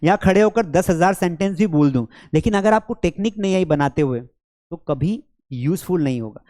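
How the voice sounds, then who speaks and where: A man's voice: high-pitched, lively intonation, fairly quick, a little mellow. A man teaches spoken English at a board in a classroom. He drills short sentence pairs aloud with energy and calls his students beta and bhai.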